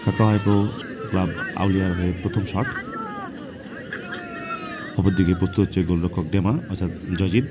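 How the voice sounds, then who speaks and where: Male football commentator, low register, short repetitive announcing phrases, live outdoors with clear crowd and background noise. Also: flat delivery, fairly quick, long pauses. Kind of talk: live penalty shootout commentary.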